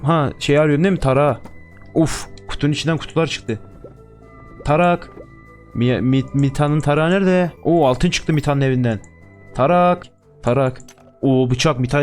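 A man's voice: a little high, brisk, darkish tone, soft background music. A young man playing a game on camera, joking crudely and swearing constantly. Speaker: gaming YouTuber. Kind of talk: let's-play commentary.

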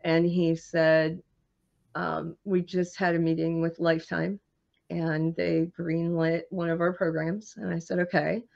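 A woman guest in an interview, telling animated stories about her career and laughing often. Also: on the low side, unhurried, vocal fry, dull audio. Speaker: screenwriter and marketing guest. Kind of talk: interview storytelling.

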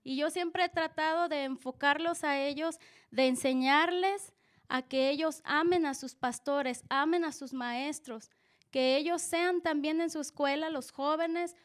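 A woman's voice: sits high, a little slow. A woman speaking earnestly at a church service, giving a conversational sermon-style testimony with frequent restarts.

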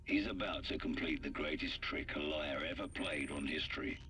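A bitter veteran soldier in a war game briefing. His extremely low voice delivers a grave, deliberate monologue, sounding distant with faint noise. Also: sharp tone. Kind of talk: dramatic scripted monologue.

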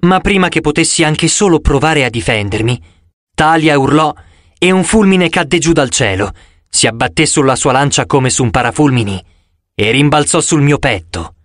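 A man reading a story aloud in first person as an audiobook narrator, in an expressive, dramatic way. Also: fairly high pitch, normal speed, no room sound, studio quality.

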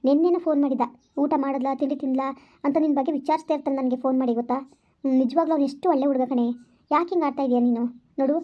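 A caring, sensible friend, acted by a woman, pleading earnestly in a fast, high voice. The recording is dull and lo-fi. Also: close to an everyday voice. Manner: earnest, advising. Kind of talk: village vlog skit acting.

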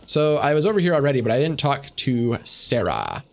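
A man's voice: mid-range voice, huge pitch swings, brisk, vocal fry. A young man streaming a game, rambling with sarcastic asides. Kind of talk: casual gameplay commentary.

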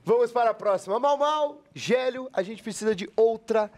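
A man's voice: extremely high pitch, normal speed, a little mellow. A man hosting a live blind date game, teasing and giving the contestant directions. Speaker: host.

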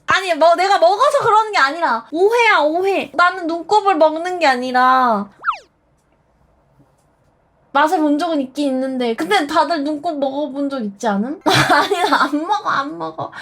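A woman's voice: sits high, lively intonation, normal speed, a bit bright, slight background noise. A woman live streamer chatting casually with her viewers, playful and teasing, laughing often, at a desk microphone at home.

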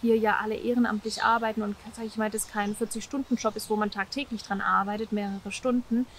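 A woman in her late thirties, a volunteer project organizer, talking to an interviewer outdoors on a park bench in a relaxed, chatty way with plenty of soft fillers. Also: medium pitch, brisk, a little hiss or hum. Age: 30s. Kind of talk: interview answers to camera.

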